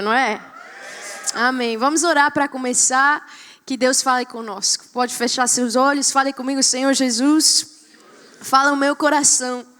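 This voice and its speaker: A young pregnant woman from Colombia, preaching as a guest pastor in a church. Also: high-pitched. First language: Spanish. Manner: warm, laughing, builds to loud preaching. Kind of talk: sermon. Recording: church hall reverb.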